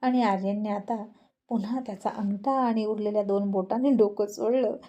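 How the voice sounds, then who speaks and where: A woman narrating a romantic serial story in a steady storytelling manner. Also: mid-range voice, moderate pace, muffled recording.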